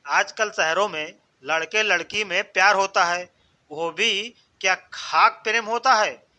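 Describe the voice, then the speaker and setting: A man tells one joke after another in a scripted storytelling voice and speaks each character's lines himself. He talks slowly and unhurriedly, his voice pitched high and sounding very bright. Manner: reads jokes in a measured storytelling voice, voicing each character in turn. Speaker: joke narrator.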